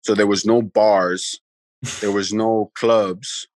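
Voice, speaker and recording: A pro basketball player from the Bronx, New York, joins a video call as a guest, holding his phone camera close in a room at home. His voice sits on the low side and he takes his time, rambling through casual stories in a laid-back way with lots of "you know what I mean." The recording is dry.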